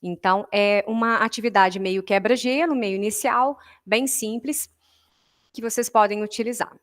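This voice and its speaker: A woman's voice: mid-range voice, moderate pace. A woman with a Brazilian Portuguese accent, a music teacher giving an online workshop lesson. She explains patiently, keeps checking in with her listeners, and counts beats aloud in rhythm.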